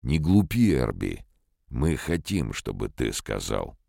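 A man voicing a stern, measured older research director in an audiobook. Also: rumbling low, vocal fry, no echo, studio quality, exaggerated voice. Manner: flat, measured.

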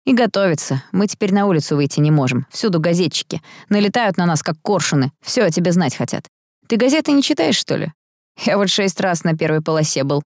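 A woman's voice: fairly low pitch, lively intonation, a little fast, darkish tone, no echo, clean studio sound. A woman voicing a cocky young man who mocks his siblings in an audiobook. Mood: mocking. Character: teasing cocky young brother, brash. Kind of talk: audiobook character voice.

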